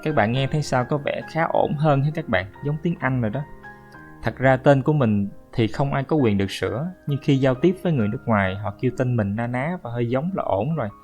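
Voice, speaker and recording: A man's voice: medium pitch, fairly quick, a little mellow, faint music behind. A man from Vietnam teaching English pronunciation in a casual spoken lesson, talking straight to his viewers and explaining with examples. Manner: friendly, explaining with examples, addresses viewers directly.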